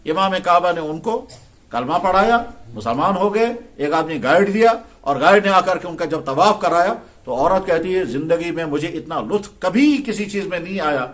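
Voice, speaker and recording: A man's voice: fairly high pitch, a bit bright. A male Islamic scholar giving a religious talk in style storytelling, acting out quoted dialogue in a conversational way.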